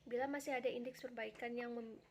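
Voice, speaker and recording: A young adult woman, a university student, reading out a class presentation in a steady, step-by-step way. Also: a little high, fast, a little hiss or hum. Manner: steady, reads each step in order. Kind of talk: read-aloud class presentation.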